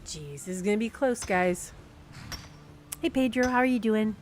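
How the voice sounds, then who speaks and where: A woman's voice: medium pitch, animated, normal speed. A woman streamer casually chatting through a game, laughing and thinking aloud to her viewers. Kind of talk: casual gameplay commentary to chat.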